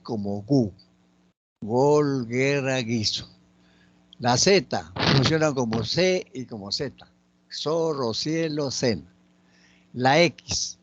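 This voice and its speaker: A man teaching a lesson on letters and sounds, slowly and patiently listing example words one by one. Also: medium pitch, no echo, dull audio. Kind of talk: spoken grammar lesson.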